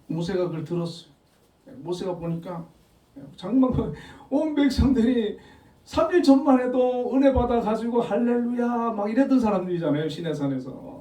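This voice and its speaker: A male pastor giving a Sunday morning sermon in a conversational, animated storytelling manner with frequent chuckles. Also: high-pitched, moderate pace. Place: church sanctuary. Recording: echoey hall, voice from a distance.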